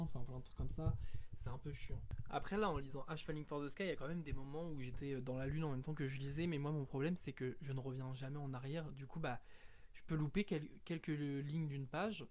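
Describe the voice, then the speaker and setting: A man's voice: mid-range voice, mellow. A man hosting a book podcast, giving a casual review in a rambling way with lots of fillers and self-corrections. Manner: self-deprecating, chuckles at himself.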